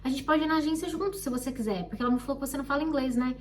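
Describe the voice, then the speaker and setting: Fast-talking Brazilian woman storyteller. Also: high-pitched, distant mic, slight background noise. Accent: Brazilian Portuguese. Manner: animated, expressive, acts out quoted people. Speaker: vlogger. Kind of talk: casual storytelling.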